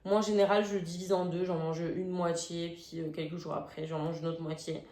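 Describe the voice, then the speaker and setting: A woman's voice: on the low side, level tone, a little fast, a little mellow. Chatty young Frenchwoman in echoey room. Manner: chatty, many "euh" fillers, informal slang. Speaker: vlogger. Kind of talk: casual grocery haul vlog.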